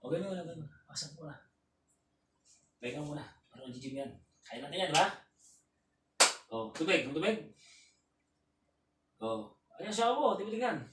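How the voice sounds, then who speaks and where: A Filipino man coaching a patient through reps, bright and animated, counting aloud and cheering each push. He sits back from the mic in a roomy space. Faint room noise hangs behind him. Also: fairly high pitch, moderate pace, pauses often, distant mic. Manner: shouts counts and cheers during exercises.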